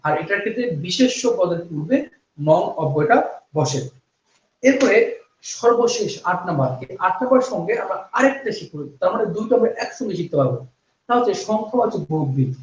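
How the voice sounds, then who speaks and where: A young man leads an exam-prep grammar lesson, repeating rules and throwing questions at his listeners. His voice sits high. The sound is dull and roomy, as if the mic stands some way off. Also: lively intonation, fairly quick, recorded from a distance. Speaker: Bengali grammar teacher.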